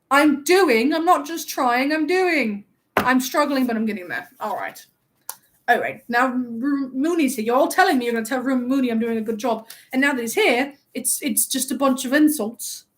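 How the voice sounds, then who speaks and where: Hosting a live-stream role-play, a woman streamer plays a vain, playful young male wizard, teasing and acting mock-offended as she chats. Her voice sits high, with lively intonation, a moderate pace and a fairly bright tone.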